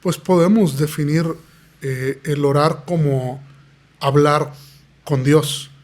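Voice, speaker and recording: On a podcast interview, a pastor tells his testimony in an earnest, preaching tone, acting out the voices he quotes. His voice is a little high, steady, and slow.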